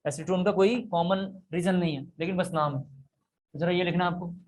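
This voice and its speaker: High-voiced man teaching chemistry. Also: fairly even intonation, moderate pace. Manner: explains step by step, repeats key points. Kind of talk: classroom lecture. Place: classroom.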